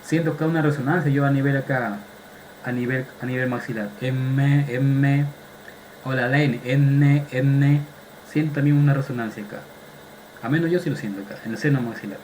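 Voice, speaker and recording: A man's voice: mid-range voice, fast, a little mellow, a little hiss or hum, rough recording. Man quizzing medical students. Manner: drills students with repeated questions, quizzing them; sprinkles casual slang among technical terms. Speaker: anatomy lecturer. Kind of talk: online medical lecture.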